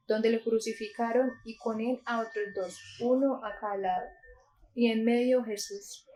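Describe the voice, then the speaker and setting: A woman from Colombia reading a Gospel passage aloud in a calm, measured way, with a few small slips. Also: mid-range voice, low-quality recording. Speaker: scripture reader.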